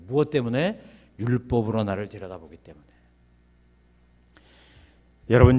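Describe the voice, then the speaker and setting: Preaching as a pastor, this man uses rhetorical questions and sudden loud bursts that jump up high in pitch.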